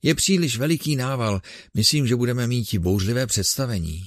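A man voicing an eccentric old male showman in an audiobook, loudly ordering people about. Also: lowish voice, animated, creaky, no echo, clean studio sound. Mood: bossy. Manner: exclaiming, bossing others about. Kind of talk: audiobook character reading.

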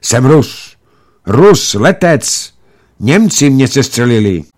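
A man's voice: mid-range voice, animated, voice pushed up. A man doing a weak, exhausted downed pilot. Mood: pleading. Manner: faint, pleading, strained.

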